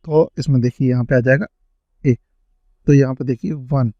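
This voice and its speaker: Male grammar teacher, mid-pitched, draws out example sentences; dull lo-fi mic. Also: steady tone, dark tone, no room sound. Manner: slow, drawn-out reading of example sentences. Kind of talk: grammar lesson explanation. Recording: dry, dull lo-fi sound.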